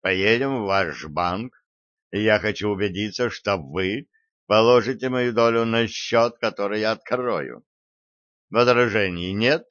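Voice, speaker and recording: Grenville, wary male partner, low and slow, blunt, dull lo-fi read by a man. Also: fairly bright tone, no echo.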